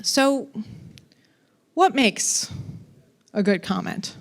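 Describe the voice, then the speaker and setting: A woman's voice: mid-range voice, expressive, drawn-out words, vocal fry. A woman giving a conference talk on coding, casual and playful, with fillers and asides. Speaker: conference speaker.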